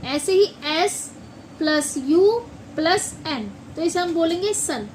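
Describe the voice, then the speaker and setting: High-voiced slow-talking woman teacher. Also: lively intonation, slight background noise, poor audio. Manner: slow, repeats words and asks questions back. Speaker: English pronunciation teacher. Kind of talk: classroom-style lesson.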